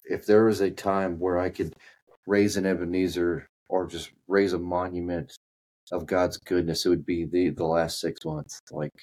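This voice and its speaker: A man's voice: deep voice, little pitch movement, normal speed, a little mellow, rough recording. A man with a Kentucky accent talking casually as a podcast guest, often repeating and restarting words as he searches for them. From Kentucky, United States.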